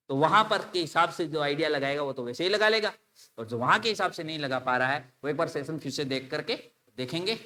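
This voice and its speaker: An animated male teacher runs through a grammar lesson for exam preparation. His voice sits high and sounds bright and forceful, and he keeps putting his students' questions into his own mouth. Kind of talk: exam-prep grammar lecture.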